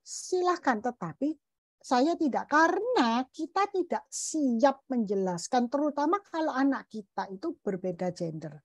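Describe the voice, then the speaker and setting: A woman's voice: high voice, no echo. A middle-aged woman giving an informal talk to parents at a parenting seminar, speaking expressively and addressing the audience directly.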